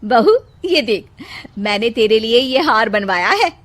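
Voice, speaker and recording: A woman voicing a bossy, quick-tempered middle-aged mother-in-law in a cartoon, scolding loudly. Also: fairly high pitch, very animated. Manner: scolding, loud and domineering. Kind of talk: cartoon voice acting.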